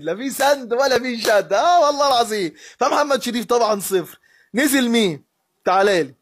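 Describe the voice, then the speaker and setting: Egyptian man, football fan host, sarcastic rant, high voice, rapid-fire. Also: slightly rough. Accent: Egyptian Arabic. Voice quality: sarcastic, heated, mocking. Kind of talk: casual rant rating players.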